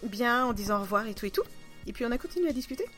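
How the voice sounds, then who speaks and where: A woman's voice: fairly high pitch, animated, racing, fairly bright tone, soft background music. A woman with a southern French accent co-hosting a podcast in casual chat, teasing and laughing easily. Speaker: podcast co-host.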